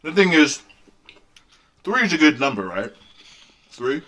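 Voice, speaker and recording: A man's voice: on the high side, sing-song, unhurried, bright, forceful tone. A young man streaming a mukbang, chatting casually and loosely with viewers while talking through a mouthful of food. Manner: talks with his mouth full; loose and profane, addresses chat as y'all. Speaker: streamer eating on camera. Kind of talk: casual live-stream chat while eating.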